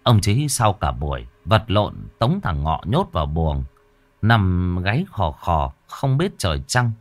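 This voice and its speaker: Man narrating a horror tale, low, animated. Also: a little slow, no room sound. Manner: dramatic, animated storytelling. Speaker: storyteller.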